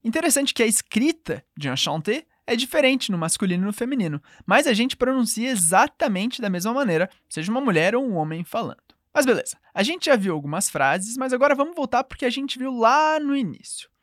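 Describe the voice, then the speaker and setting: A woman's voice: a little high, lively intonation, a little fast, no room sound, studio quality. A woman with a Brazilian Portuguese accent teaching a call-and-response language lesson, patiently modelling phrases for the listener to repeat.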